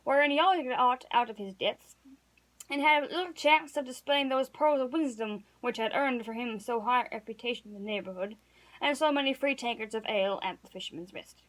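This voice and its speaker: A woman's voice: a little high, fairly quick, fairly bright tone, poor audio. A woman reading a classic novel aloud, now and then stumbling and correcting words. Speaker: reader.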